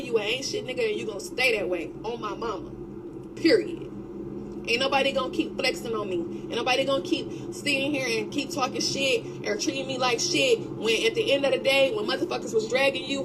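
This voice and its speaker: A young woman in a heated, unscripted livestream rant, blunt and profane, hammering her points through repetition. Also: high voice. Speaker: social media livestreamer. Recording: very noisy livestream audio.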